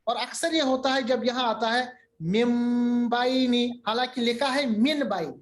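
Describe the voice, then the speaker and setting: A man teaching a Quran recitation lesson over a video call, patiently repeating terms and drawing out his recited examples slowly. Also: very high voice, little pitch movement. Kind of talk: online tajweed lesson.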